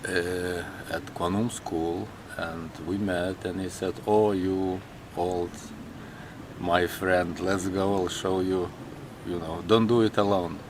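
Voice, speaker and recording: A man with a Lithuanian accent speaks in a fairly low voice, slowly and haltingly in English, often restarting his phrases. Clear background noise sits under his voice throughout. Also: fairly even intonation. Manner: slow, halting, with many restarts. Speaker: interviewee. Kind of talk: personal interview.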